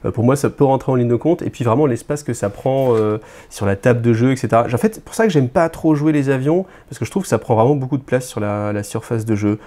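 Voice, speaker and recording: Mellow-voiced man, rambling review. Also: mid-range voice, fast, hardly any pauses. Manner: hesitant, many fillers and restarts, chatty asides to viewers. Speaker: YouTube host reviewing a wargame codex. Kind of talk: casual unscripted review.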